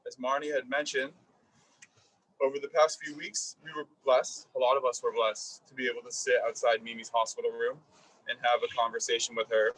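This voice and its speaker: A man giving a reflective, halting eulogy at a graveside service. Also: mid-range voice, distant mic, rough recording. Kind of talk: eulogy speech. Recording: husky voice picked up from afar.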